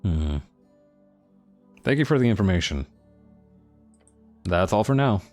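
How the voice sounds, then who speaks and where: A man's voice: sits low, very animated, measured pace, darkish tone, faint music behind. A man voicing a polite, matter-of-fact male cleric hero in a game. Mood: plain.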